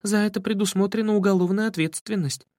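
A woman's voice: mid-range voice, fairly even intonation, fast talker, mellow, dry recording, studio quality, voice pushed up, close to an everyday voice. A man voicing a clever, bookish girl who explains things precisely. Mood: explaining.

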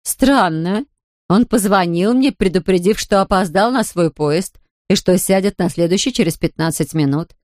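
A woman voicing a fussy middle-aged mother with a lowered voice in a storybook reading. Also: normal speed, a little mellow, no echo, clean studio sound, lightly acted. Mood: worried.

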